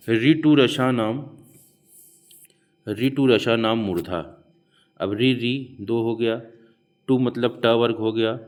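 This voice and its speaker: A male teacher explaining Hindi grammar for an exam, slowly repeating each rule and its mnemonic for his students. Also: fairly low pitch. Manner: slow, repeats mnemonics aloud. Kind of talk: exam prep lecture.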